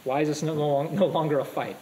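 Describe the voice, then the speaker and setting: A man giving a live lecture on a board game to a class, energetic and quizzing students with questions. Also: on the high side, quick pace, a crowd in the background, low-quality recording. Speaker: go teacher.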